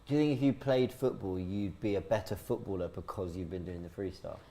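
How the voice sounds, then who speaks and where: Fast-talking man co-hosting. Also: low voice, warm tone. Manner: eager, chatty, cheers on plays. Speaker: co-host. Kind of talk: casual football chat.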